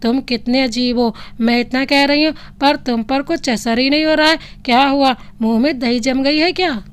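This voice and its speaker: A woman's voice: high-pitched, steady tone, moderate pace, smooth, close to an everyday voice. A woman voicing a feisty young bride who snaps and scolds her new husband. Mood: angry. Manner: snappy scolding.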